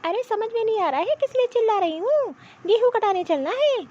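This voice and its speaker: A woman voicing a stout, sharp-tongued old mother-in-law who scolds and nags in a cartoon. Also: very high voice, lively intonation, brisk, highs cut off. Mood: scolding. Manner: scolding, nagging. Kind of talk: cartoon voice acting.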